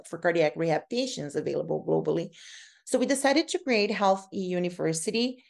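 A woman's voice: fairly low pitch, a little mellow. A woman from Brazil with a Brazilian Portuguese accent, a native Portuguese speaker, answering interview questions as a researcher in an earnest, explanatory way. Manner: earnest and explanatory, repeats and restarts words. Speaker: guest researcher.

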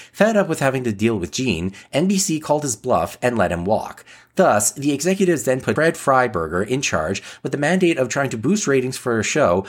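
A man hosting a review show, delivering scripted commentary. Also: medium pitch. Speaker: host of an episode review show.

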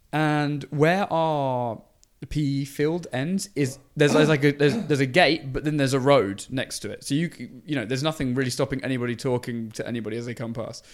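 A man's voice: medium pitch, normal speed. A man co-hosting a casual podcast, telling classroom stories with plenty of laughter and acted-out voices. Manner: laughs a lot, animated storytelling with shouted voices. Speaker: podcast co-host, teacher. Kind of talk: casual chat.

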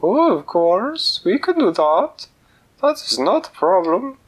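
A man doing a shrill falsetto goose cook. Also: sing-song, slow, slightly rough, heavily acted. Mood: chirpy. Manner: shrill falsetto, sing-song. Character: fussy high-voiced female goose cook.

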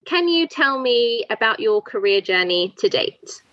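A woman's voice: fairly high pitch, animated, measured pace, fairly bright tone, no echo. A woman hosting a podcast and reading a polished, prepared introduction. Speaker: podcast host. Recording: dry muffled audio.

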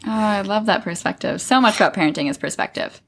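A woman's voice: medium pitch, fast, fairly bright tone. A woman hosting a podcast, asking thoughtful questions in a chatty, affirming way. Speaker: podcast host. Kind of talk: interview questions, casual chat.

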